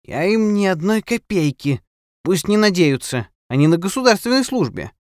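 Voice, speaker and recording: A man voicing a suspicious, grumbling old woman neighbor who speaks in a hushed, grudging whisper. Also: mid-range voice, very animated, normal speed, no echo, studio quality, pitched above the performer's own voice, natural voice.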